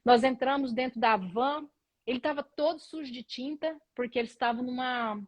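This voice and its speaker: A woman's voice: sits high, normal speed. A woman from Brazil with a Brazilian Portuguese accent, a guest in an interview. She tells a personal story with emotion and acts out other people's dialogue.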